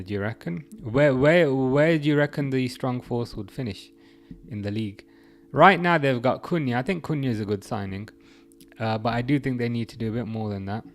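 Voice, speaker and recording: A young man's medium-pitched voice carries a relaxed football livestream. He reads messages from chat and rambles on, restarting his sentences frequently.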